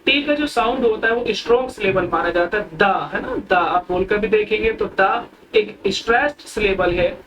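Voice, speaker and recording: A teacher giving an explanatory lecture on poetry terms, who often checks in with the class and slows down to read English lines aloud. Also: medium pitch. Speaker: literature teacher. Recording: distant mic with background noise.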